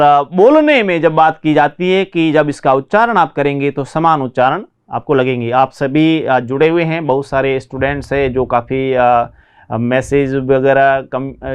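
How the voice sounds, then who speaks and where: A man teaching English vocabulary in a classroom lesson, repeating word pairs slowly and explaining them in Hindi. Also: medium pitch, clean tone.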